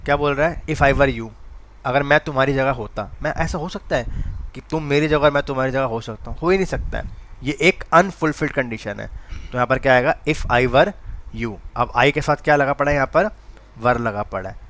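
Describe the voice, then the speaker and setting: A man's voice: medium pitch, normal speed, a bit bright, a little hiss or hum. A man teaching grammar to exam students in a classroom lecture, asking questions and answering them himself while repeating the key points.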